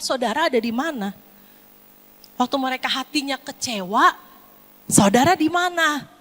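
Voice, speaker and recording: A woman preaching a lively sermon to a congregation, acting out scolding and comforting parents. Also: high voice. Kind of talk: sermon with acted parent role-play. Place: church hall. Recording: long hall reverb.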